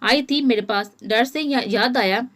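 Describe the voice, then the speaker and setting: A brooding, possessive young husband who speaks with stern firmness, read by a woman narrator in a fairly high voice. Storybook audiobook delivery, unhurried and plain. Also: fairly bright tone. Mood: teasing.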